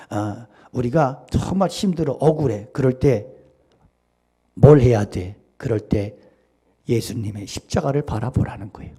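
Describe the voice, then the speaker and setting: Man preaching a sermon, lively swinging pitch, dark mellow tone, loud cries and hushed asides. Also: slightly rough. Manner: animated preaching, shifts between loud exclamations and hushed intimate tones; sings hymn lines slowly. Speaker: pastor. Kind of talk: Sunday sermon.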